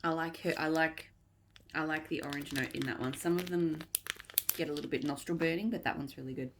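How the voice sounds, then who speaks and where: A woman's voice: low-pitched, steady tone, a little fast, slight background noise. A woman vlogger chatting casually and rambling a little as she reviews products, thinking aloud as she goes. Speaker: vlogger reviewing wax melts. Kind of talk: casual haul review chat.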